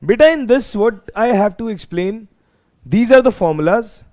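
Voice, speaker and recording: A man's voice: high-pitched, animated, moderate pace, a little mellow. A man with a North Indian accent teaching a live exam revision lesson, emphatic and often repeating phrases for students. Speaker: chemistry teacher.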